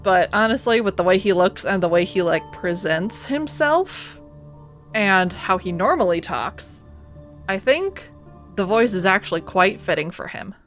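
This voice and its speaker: A woman with a mid-range voice narrates and comments on a live game stream. Her delivery is expressive and theatrical, and music plays faintly behind her. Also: mid-range voice, measured pace.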